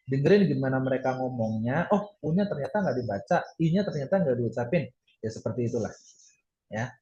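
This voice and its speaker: A man's voice: mid-range voice, a little mellow. Male teacher, patient lecturing style, roomy muffled class audio. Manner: patient, repeats points with frequent "ya". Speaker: Japanese language teacher.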